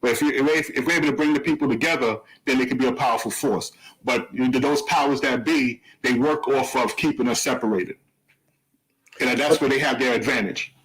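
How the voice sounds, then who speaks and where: A man's voice: medium pitch, fairly quick, fairly bright tone, poor audio. A man co-hosting a radio talk show, speaking reflectively and explaining his points with analogies and many fillers. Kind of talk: casual radio discussion.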